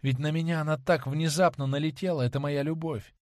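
A man voicing a young woman stage actress, lovesick and imploring, tender and dreamy, slowing on heartfelt words in an audiobook reading. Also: a little high, steady tone, a little mellow, no room sound, clean studio sound, lightly acted. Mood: pleading.

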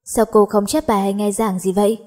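A woman's voice: medium pitch, fairly even intonation, a little fast, dark tone, natural voice. A woman doing a cocky teasing schoolboy. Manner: teasing, bickering.

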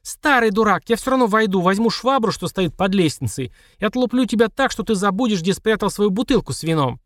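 A quick-tempered sorceress, as a male reader voices her, bossy and sharp-tongued, lifted well above a man's own pitch. Recorded close and dry. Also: expressive, no room sound, close to an everyday voice. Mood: angry. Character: hot-tempered middle-aged woman mage, bossy.

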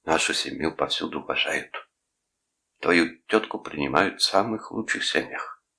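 Man reading as self-righteous uncle, preachy, very deep gravelly voice, bright edge; audiobook. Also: animated, full character voice. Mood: lecturing. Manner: preachy, lecturing, drawn-out phrases. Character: pompous sanctimonious middle-aged uncle, menacing.

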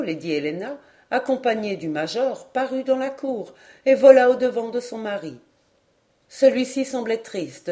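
A woman reading a classic novel aloud as an audiobook, measured and even. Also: mid-range voice. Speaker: audiobook reader. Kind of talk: literary narration.

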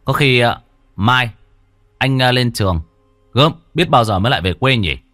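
A man voicing a dazed young man who speaks softly and soothingly. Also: medium pitch, lively intonation, normal speed, no room sound, clean studio sound, faint music behind. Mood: cheerful.

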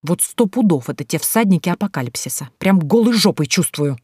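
A woman plays a serious, sardonic young woman who drawls her remarks dryly. The voice is low and close, with no room sound at all. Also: animated, a little fast, darkish tone, slightly rough, dry recording. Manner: dry sarcastic drawl.

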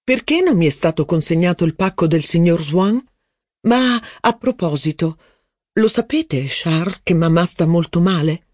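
A man's voice: on the high side, lively intonation, normal speed, darkish tone, dry recording, clean studio sound. A man reading the lines of an anxious, servile footman in an audiobook. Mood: eager. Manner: deferential, reporting news eagerly.

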